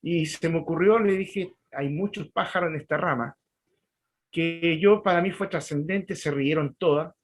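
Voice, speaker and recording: A man with a somewhat high voice speaks up in class to share a personal experience. He talks hesitantly, stopping and starting as he looks for the right words. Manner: hesitant, with many fillers and restarts. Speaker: student.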